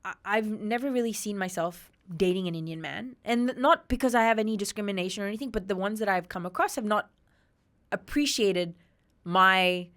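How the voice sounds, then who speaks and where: As a guest on a podcast, a thirty-something woman from Australia frankly relates her personal story. She speaks briskly in a mid-range voice, recounting events in an emphatic, animated way.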